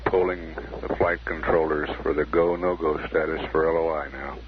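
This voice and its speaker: A man's voice: extremely low pitch, level tone, normal speed. A man giving formal, matter-of-fact status commentary as a mission control announcer. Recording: dull, noisy archival radio feed.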